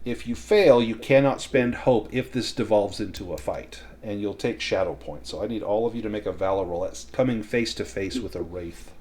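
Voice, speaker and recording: A man running a tabletop role-playing game, narrating and explaining rules in a measured way. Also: lowish voice, a little mellow, slight background noise. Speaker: game master.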